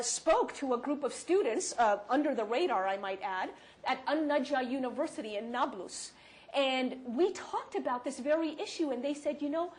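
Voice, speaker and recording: Woman speaker, high voice, emphatic, lecture and q&a, quick comebacks. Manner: animated, emphatic, quick to rebut. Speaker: guest speaker. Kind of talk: lecture and audience Q&A. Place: university lecture hall.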